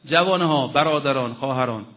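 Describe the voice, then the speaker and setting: A man preacher giving a sermon from the pulpit, telling stories dramatically with sudden rises and drops in his voice. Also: medium pitch. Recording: slightly dull lo-fi audio.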